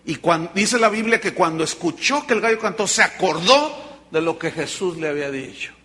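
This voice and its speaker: A middle-aged pastor tells a scripture story in a sermon and acts it out in an animated way. His voice sits high for a man, and it is bright and forceful. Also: moderate pace. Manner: animated storytelling, acting out dialogue.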